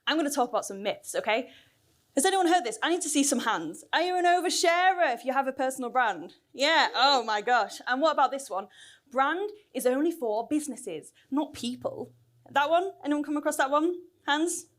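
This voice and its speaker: A woman with a high voice and lively intonation speaks at normal speed, presenting a spirited lightning talk on a cinema venue stage at a conference. Though she's losing her voice, she remains chatty and poses questions to the crowd.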